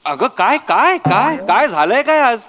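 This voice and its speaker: Exasperated high-voiced man on a comedy stage. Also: very animated, measured pace, big-room sound. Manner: exasperated, pleading, rising to shouts. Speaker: husband in a comedy sketch. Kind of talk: stage comedy sketch acting.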